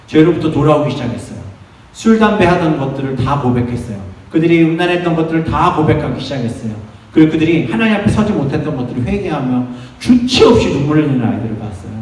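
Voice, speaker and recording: A man preaching a sermon with a fairly high voice, earnest and at times forceful. He sounds set back from the mic, and his words ring through a very echoey church hall. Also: distant mic. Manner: earnest, rising to forceful exhortation. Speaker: pastor. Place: church sanctuary.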